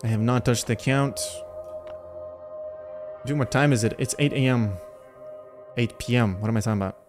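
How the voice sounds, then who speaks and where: A man streams a game, thinking out loud and talking to his chat in a relaxed, chatty way. His voice sits at a middling pitch, with faint game music playing behind him. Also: normal speed. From Lithuania. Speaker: gaming livestreamer. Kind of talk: casual gameplay commentary.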